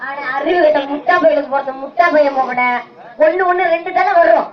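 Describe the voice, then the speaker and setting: A woman's voice: high-pitched, lo-fi sound, lightly acted. A woman playing a village mother who scolds and coaxes her crying son in a stage comedy skit. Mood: scolding. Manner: scolding and coaxing, rapid questions. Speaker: karakattam dancer and stage comedian. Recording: distant, echoey loudspeaker sound with a crowd.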